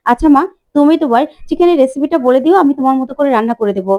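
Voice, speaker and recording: Young husband, woman reading it plainly, quick, high. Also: animated, dull audio. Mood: brusque. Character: young husband, mildly irritated.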